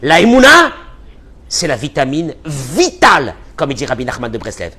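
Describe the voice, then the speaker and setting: A man giving an impassioned religious lecture as a rabbi, pleading and repeating phrases for emphasis, dropping to a hush and then rising loud. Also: fairly high pitch, huge pitch swings, normal speed, slightly rough. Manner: pleading, emphatic repetitions, swings from hushed to loud.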